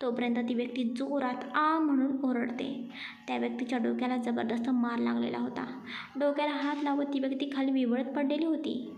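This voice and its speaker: A woman narrating a dramatic audio story in a steady storytelling manner. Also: sits high, brisk, vocal fry, muffled recording. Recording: echoey room with faint music.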